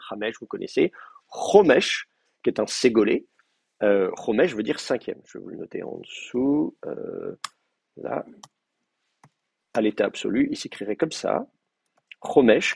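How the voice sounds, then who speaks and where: A man's voice: mid-range voice, creaky, a little mellow, slightly rough. A man lecturing to a class, explaining terms patiently and thinking aloud with frequent hesitations. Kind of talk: university lecture.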